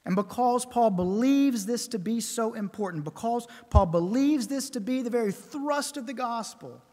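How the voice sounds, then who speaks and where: A man preaching a sermon at a pulpit microphone, measured and emphatic, building his points with repeated phrases. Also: extremely high pitch, a little mellow. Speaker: pastor. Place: church sanctuary. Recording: long church reverb.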